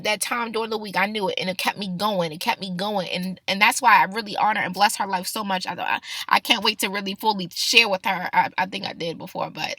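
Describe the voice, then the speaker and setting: Upbeat, bright-voiced woman exhorting like a youth pastor. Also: mid-range voice, no echo. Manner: informal, direct address to listeners. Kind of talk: personal faith testimony to camera.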